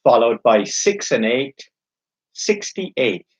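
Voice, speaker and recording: A man calling bingo, announcing each number in a measured, formulaic way, digit by digit and then in full. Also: medium pitch, very animated, breathy edge. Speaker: bingo caller and host. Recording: dull, lo-fi sound.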